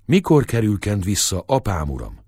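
A frail young peasant lad, sick and hopeful, speaking weakly and pleadingly, as a male reader gives him voice. The voice sits low with lively pitch movement. The sound is dry and close. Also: gravelly, husky, no room sound, heavily acted.

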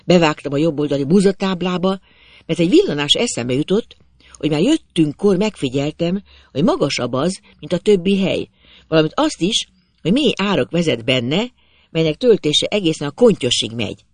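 A male narrator reads a literary story aloud in a measured, expressive way, his fairly high voice carrying a gravelly texture. The recording is dry and close, with almost no room sound. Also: no room sound.

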